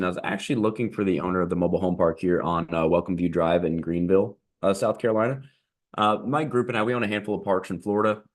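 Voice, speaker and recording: Low-voiced man leaving a polite voicemail. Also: fairly bright tone. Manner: polite, hesitant, with frequent "uh" fillers. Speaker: mobile home park investor cold calling owners.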